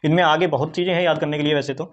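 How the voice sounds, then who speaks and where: Male teacher, quick and chatty lecture delivery, keeps asking and answering his own questions. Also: on the high side, fairly even intonation. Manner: repetitive call-and-response questioning; fast, chatty explaining with Hindi-English mix. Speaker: chemistry teacher. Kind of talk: online classroom lecture.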